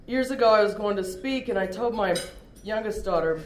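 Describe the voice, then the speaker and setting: A woman's voice: medium pitch, fairly quick, slight background noise. A middle-aged woman from Oklahoma giving a candid, self-deprecating personal testimony as a recovery meeting speaker. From Oklahoma, USA. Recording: roomy echoey room.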